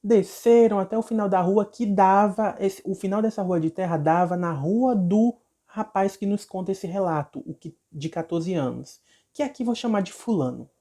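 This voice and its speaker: A woman's voice: medium pitch, normal speed, warm tone. A woman with a Brazilian accent narrating a viewer's supernatural story in a casual, chatty way, with asides to her audience. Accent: Brazilian Portuguese. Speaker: storyteller and channel host. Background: background music.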